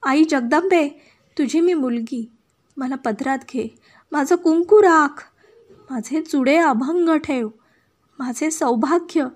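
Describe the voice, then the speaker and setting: A woman's voice: high-pitched, slow, darkish tone. A woman voicing a devout mother who fervently implores God to protect her husband. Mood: imploring.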